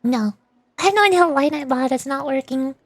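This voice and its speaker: A VTuber streamer with a high, animated voice talks fairly quickly while livestreaming a game, chatting playfully, muttering to herself, and reading game dialogue aloud. There is no room sound.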